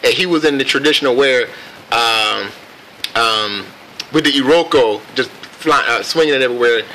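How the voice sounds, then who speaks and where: An American man casually telling a personal story on camera in a reflective, laid-back and halting way. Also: mid-range voice, bright, forceful tone, a little hiss or hum, low-quality recording. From United States. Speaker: vlogger.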